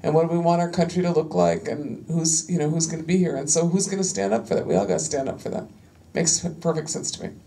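A woman's voice: low-pitched, quick pace, mellow. A middle-aged woman speaking as a panel guest, telling stories loosely with many fillers, her voice rising and sharpening when she quotes herself confronting others. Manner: loose, rambling delivery full of "you know" fillers. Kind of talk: casual storytelling on a panel.

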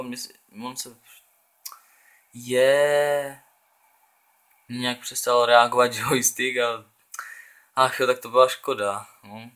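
A man's voice: medium pitch, sharp tone. A young man from the Czech Republic giving casual, chatty commentary while playing a football video game, thinking aloud and urging on his players. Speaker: gaming channel host.

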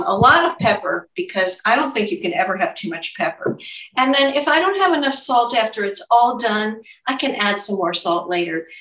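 A woman's voice: on the high side, fairly bright tone. Older lady talking thru a recipe in her kitchen, roomy echo, a bit far off mic. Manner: chatty, explains each step aloud. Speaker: home cooking host. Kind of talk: casual cooking demonstration. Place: home kitchen, indoors. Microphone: camera mic at a distance. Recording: echoey kitchen, distant mic.

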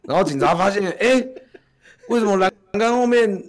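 A man's voice: high voice, lively intonation, moderate pace. A male streamer laughing through a playful, improvised story relay with friends.

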